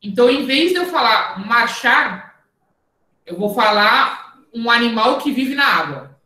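A woman's voice: on the high side, lively intonation, unhurried, sharp tone. Brazilian woman coaching fencing, echoey room. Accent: Brazilian Portuguese. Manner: clear, patient explaining, then calling out drill commands. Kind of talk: online fencing class. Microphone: camera mic, moving away at times.

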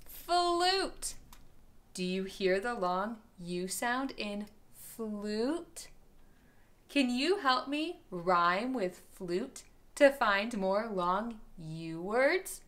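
A woman teacher giving a children's phonics lesson, sounding out each word slowly and clearly for young learners. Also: medium pitch, lively intonation, fairly bright tone.

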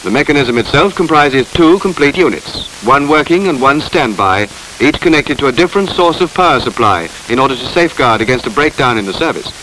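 A man reading formal, measured scripted narration for a 1950s documentary on an old film soundtrack. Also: medium pitch, animated, bright, forceful tone, slight background noise, rough recording.

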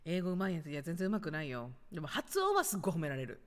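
A woman in her thirties hosts a casual livestream from her apartment, chatting freely and reading out comments. Her voice sits fairly low but swings widely and animatedly in pitch. A long reverb trails behind her. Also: big pitch swings, racing. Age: 30s. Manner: chatty, acts out little scenes in other voices, reads viewer comments aloud. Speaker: livestream host. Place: apartment home.

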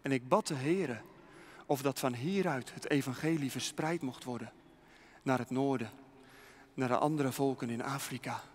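A man's voice: mid-range voice, normal speed, lightly acted. A man voicing an earnest missionary who pleads for peace, heard with a long hall reverb. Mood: humble. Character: tense Dutch missionary man, pleading calmly.

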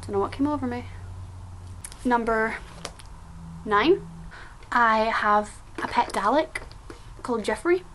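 A high-pitched seventeen-year-old Scottish girl chatting on camera at home. Her talk is playful and self-mocking. There is a faint hiss under her voice. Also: slow pace, pauses often, a bit bright, poor audio. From Scotland. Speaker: vlogger. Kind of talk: casual vlog chat.

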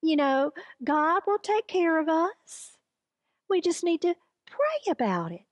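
A woman's voice: extremely high pitch, big pitch swings, takes it slowly, no room sound, voice pushed up, exaggerated voice. Woman doing a sweet, placating pious sister. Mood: soothing. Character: pious biblical sister, soothing, placating, complacent.

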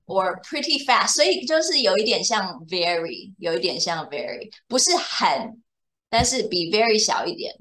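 A woman's voice: mid-range voice, very animated, moderate pace, a bit bright. A woman teaching English to a young student one on one, explaining patiently and checking often that the student follows. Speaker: English tutor. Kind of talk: bilingual tutoring lesson.

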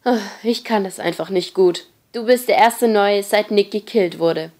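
Brief: a woman reading as a bossy teenage leader, loud and blunt, brisk orders. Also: medium pitch, close to an everyday voice. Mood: gruff.

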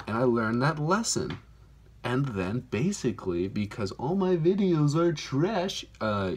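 Slightly rough and lowish in pitch, this male YouTuber hosts his channel with loose, rambling vlog talk aimed at the camera. He pokes fun at himself, leans on plenty of fillers, and is recorded through his phone's built-in mic.

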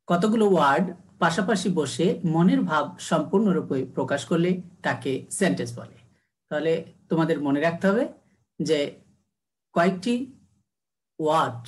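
A man teaching a recorded class, who asks his students questions and answers them himself. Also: a little high. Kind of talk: recorded online class lesson. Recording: echoey room.

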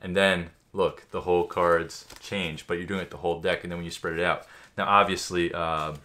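A man's voice: sits low, level tone, moderate pace, pushed and bright. A man giving a mock magic tutorial commentary in an offhand, boastful, know-it-all way. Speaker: YouTuber.

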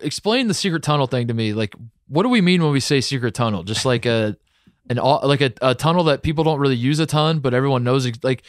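A man's voice: mid-range voice, expressive, fast talker, dry recording, clean studio sound. A man co-hosting a podcast, blunt and skeptical, swearing casually as he talks. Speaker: podcast co-host.

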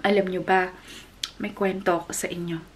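A young woman from the Philippines, chatting casually to the camera in a vlog, emotional and quick to laugh. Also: on the low side, flat delivery, a little hiss or hum. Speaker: vlogger.

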